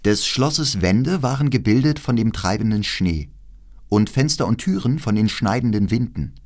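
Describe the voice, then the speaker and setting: A man reading a fairy tale aloud as an audiobook narrator, with measured, expressive storytelling. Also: fairly low pitch.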